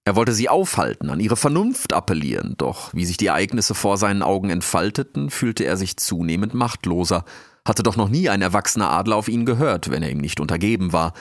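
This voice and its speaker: A man's voice: low voice, sing-song, a little fast, no echo. A man narrating a story, reading expressively and dramatically. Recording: dry close sound.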